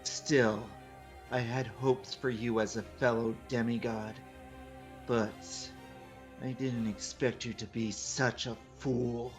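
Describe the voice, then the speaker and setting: A scornful, haughty demigod king, read aloud by a man in a fan reading. He speaks slowly and mockingly, trying to sound deep over faint background music. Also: level tone, lightly acted. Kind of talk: fan reading of a visual novel.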